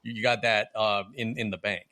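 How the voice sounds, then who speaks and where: A man's voice: on the low side, steady tone, pushed and bright. A man co-hosting a casual podcast, telling a story in a chatty way. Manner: storytelling, quick asides. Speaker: podcast host. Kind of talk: casual chat.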